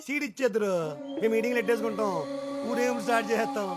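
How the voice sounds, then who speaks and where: A man's voice: extremely high pitch, steady tone, rapid-fire, loud music behind the voice. An actor playing an eager party worker who urges his leader to make an announcement. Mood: urging. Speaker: political follower. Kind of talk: film drama dialogue.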